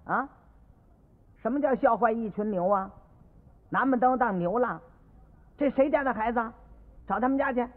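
A man voicing indignant, bossy household stewards who talk loud and fast, heard on an old radio recording with long reverb. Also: extremely high pitch, phone-quality sound.

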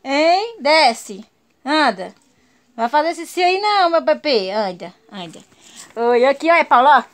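A woman's voice: high voice, big pitch swings, a little slow, a bit bright. A Brazilian woman in a home vlog, doting on her pet dogs in sing-song baby talk. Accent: Brazilian Portuguese. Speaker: vlogger.

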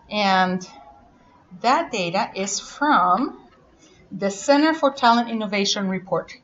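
A woman giving a live workshop presentation, chatty and quick to ask the audience questions. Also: medium pitch, slight background noise. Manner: chatty, asks audience questions, laughs often. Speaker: conference presenter. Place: conference room. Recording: echoey, muffled room recording.

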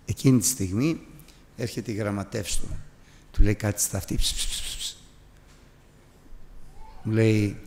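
A man preaching a sermon in a church, telling a personal story as a lively storyteller and putting questions to the congregation. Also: lowish voice, vocal fry, a little hiss or hum. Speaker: pastor. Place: church hall. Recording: long reverb of a church hall.

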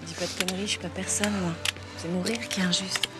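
A woman's voice: fairly low pitch, fairly even intonation, fast talker, loud music behind the voice, natural voice. An actress playing a composed, frank woman in a TV drama. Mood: consoling. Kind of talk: French TV film drama acting.

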